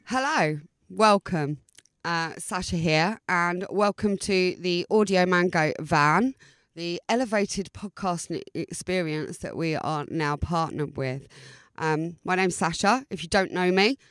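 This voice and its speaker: A woman from Essex, with the local accent, hosts an informal podcast monologue. Her voice is clean and smooth, sitting a little low, in a very dry recording. She chats hesitantly, repeating words to underline them. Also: measured pace, a bit bright, no echo. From Essex, England. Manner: chatty, hesitant, often repeating words for emphasis. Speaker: podcast host.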